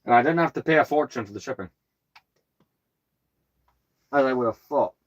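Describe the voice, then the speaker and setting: A British man from the UK hosts a casual livestream, his mid-range voice calm and soothing at a normal speed. He rambles in a chatty, self-deprecating way.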